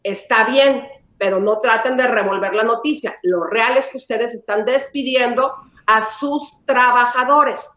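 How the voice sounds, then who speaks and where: A middle-aged woman co-hosting a casual gossip chat over a video call, teasing and emphatic, quick to argue her point. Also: fairly high pitch, a bit bright. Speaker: co-host. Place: home room with staircase. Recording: echoey room.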